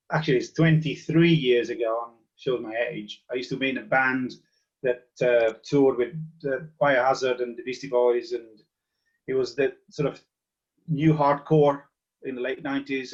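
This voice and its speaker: A man in a casual interview, a relaxed, jokey storyteller talking about his past bands. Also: mid-range voice, moderate pace. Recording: slightly muffled lo-fi sound.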